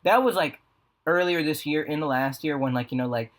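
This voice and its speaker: A young American man with a slightly high voice talks at a rapid clip. He rambles through a casual vlog story, full of slang and profanity. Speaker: video creator. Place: apartment room with a fan running. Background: fan hum.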